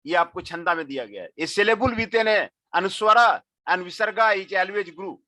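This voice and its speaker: Middle-aged male lecturer, high and bright, unhurried, repetitive delivery, dry close sound. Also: dry recording. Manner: mixes Hindi and English, repeats phrases, frequent filler "aapko". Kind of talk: classroom lecture.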